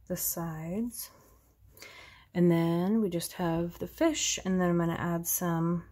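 A woman narrating a casual card-making tutorial in a relaxed, chatty way with self-deprecating asides. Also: on the low side, breathy edge. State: sneezing, slightly congested.

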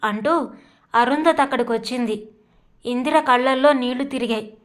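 High-voiced woman narrating a story. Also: normal speed. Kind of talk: scripted audiobook narration.

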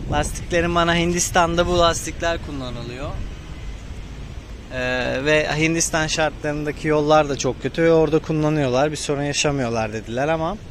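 Clear vehicle and outdoor noise surrounds a man talking inside a helmet. His voice sits a bit high. He reviews in a casual, unscripted way, feeling out his explanations as he goes. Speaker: motovlogger reviewing his motorcycle.

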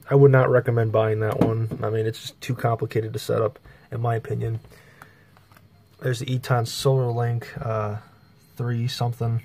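A man with a medium-pitched voice that's creaky, mellow and husky presents a casual, rambling show-and-tell vlog as a hobbyist. He films indoors in a small bedroom on a handheld phone camera, showing things off off the cuff.

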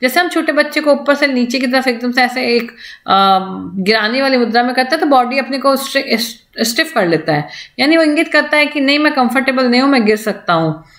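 A woman lecturer with a slightly high voice talks through a lesson in a steady, explanatory way. She stops to restart words and mimics a baby's syllables to show her point. The recording carries a clear echo from the room. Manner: explains slowly, restarts words, imitates baby sounds. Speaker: college lecturer.

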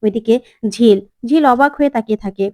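A woman narrating a recap of a drama serial episode in a brisk, eager way. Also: fairly high pitch, darkish tone, dry recording. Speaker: channel narrator. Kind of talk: scripted story retelling.

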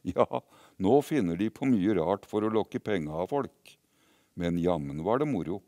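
Guy voicing a bunch of chattering grown-ups in a storybook, dark voice. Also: low-pitched, expressive, no room sound, studio quality. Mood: amazed. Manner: exclaiming, chattering, a bit sceptical. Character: crowd of amused grown-up onlookers.

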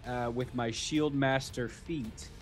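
A man's voice: mid-range voice, fairly even intonation, slow, faint music behind. Casual man talking through his game turn. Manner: casual, stating moves step by step, swears. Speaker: player. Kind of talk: casual tabletop game talk.

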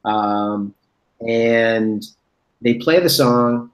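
A man's voice: medium pitch, extremely slow, roomy sound, poor audio. A man in his thirties hosting a casual video-call chat from a room at home. He rambles and corrects himself as he tells stories. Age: 30s. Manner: rambling, self-correcting storyteller. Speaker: host. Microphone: webcam on a video call.

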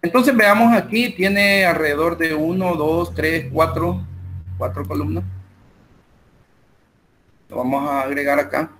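Slightly high in pitch, with some hiss or hum behind it, the voice is that of a man with a Salvadoran Spanish accent teaching math online. He works slowly through calculations and spreadsheet software one step at a time, using fillers frequently.

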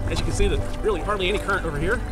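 Kayaker guy, high voice, laid-back tips, outdoor action-cam audio with loud music under it. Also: racing. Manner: relaxed, explanatory, giving paddling tips. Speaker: kayaking vlogger. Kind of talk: casual narration while paddling. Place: outdoors on a flooded river in a kayak. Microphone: action camera mounted on the kayak.

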